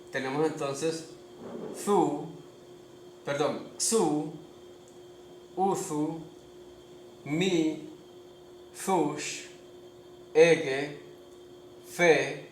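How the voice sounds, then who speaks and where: In a slow, careful manner, a man who teaches language walks listeners through spelling, pausing frequently to make sure they're keeping up. His voice is slightly high for a man. There's echo in the room and a faint hiss underneath.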